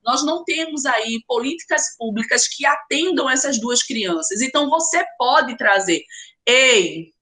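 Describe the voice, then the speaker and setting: Her voice sits high, pushed and bright, expressive and a little slow, with a Brazilian Portuguese accent. She's teaching literature in a live online lecture, emphatically urging students on and speaking to them by name.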